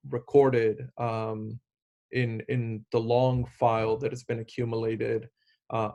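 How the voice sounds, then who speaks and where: A man's voice: mid-range voice, vocal fry, a little mellow. A man in his thirties from Argentina, giving an online lecture in an earnest way with many fillers and restarts. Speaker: instructor.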